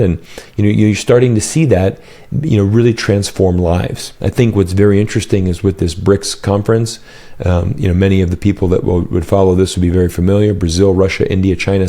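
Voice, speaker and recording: This is a man from the United States, speaking as an interview guest in a fluent, explanatory way with plenty of "you know" fillers. His voice sits fairly low and sounds dark and mellow. He talks into a close boom mic in a home office. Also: vocal fry. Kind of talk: casual interview answers. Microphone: headset and boom mic.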